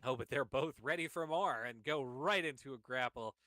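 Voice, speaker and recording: A man giving excited play-by-play commentary on a wrestling match, calling each move as it happens. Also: mid-range voice, dry recording. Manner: excited, calls moves quickly.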